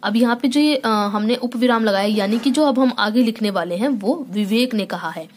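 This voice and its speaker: A woman with a voice pitched a little high teaches a school grammar lesson. She explains each point patiently, stops often with small hesitations, and keeps asking the class whether they follow. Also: normal speed. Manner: explains step by step with frequent hesitations and check-ins.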